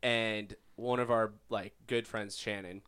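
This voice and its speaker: A man in his twenties co-hosting a casual chat at home, animated and profane, full of "like" fillers, into a big microphone. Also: fairly low pitch, unhurried, clean tone. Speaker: podcast co-host. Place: home bedroom. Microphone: large studio-style microphone.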